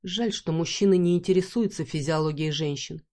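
Woman reading a first-person story, lowish voice, mellow and wry. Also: fairly quick. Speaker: narrator. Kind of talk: first-person audiobook narration.

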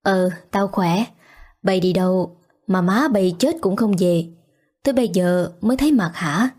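A blunt old village man in a spoken storybook, as a woman voices him, slow and reproachful. His words are plain and scolding. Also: medium pitch, darkish tone, natural voice.

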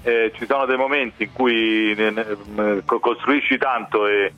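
A man's voice: on the low side, fairly even intonation, measured pace, faint music behind. A man discussing football as a radio guest over the telephone, hesitating and repeating words as he builds points. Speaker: newspaper editor as phone-in guest. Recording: narrow tinny phone line.

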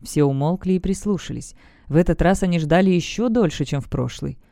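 Warm, smooth fantasy audiobook narrator. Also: medium pitch, fairly quick, no echo, studio quality.

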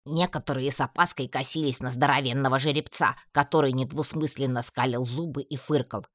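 A woman with an unusually low voice narrates a first-person fantasy story. Her reading is lively and expressive. The sound is close and dry, with no room around it. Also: brisk, no echo. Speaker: audiobook narrator.

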